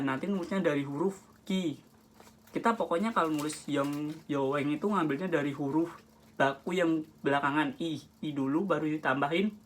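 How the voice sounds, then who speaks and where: A man's voice: a little high, fairly bright tone. A man giving a casual, rambling Japanese script lesson, with many restarts and self-corrections. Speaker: Japanese language tutor. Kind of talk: casual home-made lesson.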